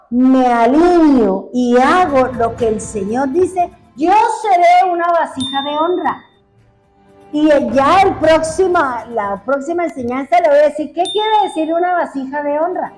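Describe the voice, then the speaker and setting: A woman's voice: high voice, darkish tone, roomy sound, rough recording. A middle-aged woman pastor giving an earnest sermon, telling long personal stories as she preaches.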